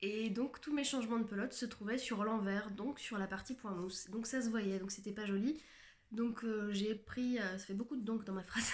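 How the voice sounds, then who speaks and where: A woman hosting a knitting podcast, chatting casually to the camera, hesitant and full of fillers and restarts, with a self-mocking touch. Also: medium pitch. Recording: echoey room.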